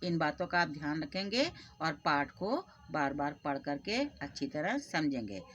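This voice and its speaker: A woman's voice: low voice, big pitch swings, measured pace, a bit bright, lo-fi sound. A woman Hindi teacher in a classroom lesson, patiently repeating each word and spelling it out sound by sound. She has an Indian accent.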